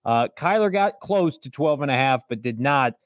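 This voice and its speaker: A man co-hosting a sports betting show, wry and easygoing, with many filler pauses as he recaps his bets. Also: medium pitch, lively intonation, no echo, studio quality. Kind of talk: casual sports betting chat.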